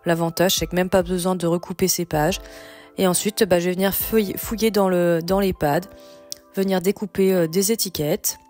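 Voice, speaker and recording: A woman's voice: fairly low pitch, steady tone, normal speed, a little mellow. A woman hosting a casual, chatty step-by-step craft tutorial, thinking aloud as she goes. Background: background music.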